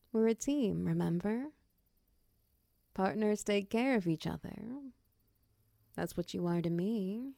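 A woman in a close-mic comfort roleplay, speaking softly and soothingly to a partner, slipping into whispers and guiding slow breathing counts. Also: mid-range voice, creaky, no echo. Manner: soft, soothing, slips into whispers.

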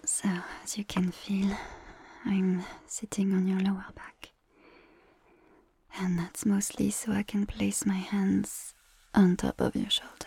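Woman doing a doting massage attendant, breathy asmr whisper, little french pet names, kinda husky and creaky. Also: medium pitch, dry recording, exaggerated voice. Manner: soft whispering, sprinkled with French endearments. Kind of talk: ASMR roleplay.

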